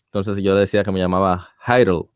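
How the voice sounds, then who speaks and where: Male radio host in studio, low voice, dry close sound, relaxed and joking with his guest. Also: fairly quick, dry recording. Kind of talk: radio interview hosting.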